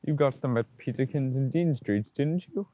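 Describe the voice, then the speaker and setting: A man's voice: medium pitch, normal speed, phone-quality sound, close to an everyday voice. A man playing a stern, touchy Edwardian clergyman and father in an amateur period drama, pompous and formal. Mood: stiffly polite.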